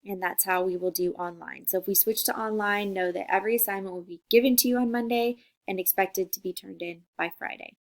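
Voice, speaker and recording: A woman's voice: mid-range voice, steady tone, fairly quick, few pauses. A woman in her forties from Costa Rica, a teacher talking students through a class introduction video in a friendly, chatty way. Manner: friendly, chatty, checks in with "okay?".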